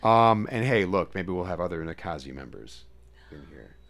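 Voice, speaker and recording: A man hosting a live stream, playfully addressing his viewers as ladies and gentlemen in a casual sign-off chat. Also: low voice, expressive, normal speed. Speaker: streamer host.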